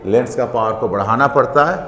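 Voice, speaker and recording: A man's voice: medium pitch, fairly quick, fairly bright tone. A male teacher giving a physics lesson in a classroom, explaining step by step and often asking students questions. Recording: echoey room, long reverb.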